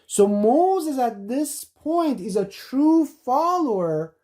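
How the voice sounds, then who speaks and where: A woman explains scripture shown on screen, walking through the words as a lesson and often repeating herself or restarting mid-sentence. Her voice is high, sing-song and mellow, and she takes her time.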